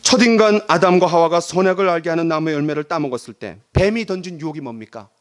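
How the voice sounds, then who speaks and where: A man's voice: a little high, quick pace. A man preaching a Sunday sermon as pastor, dramatically acting out the voices in the quotes he tells. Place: church sanctuary.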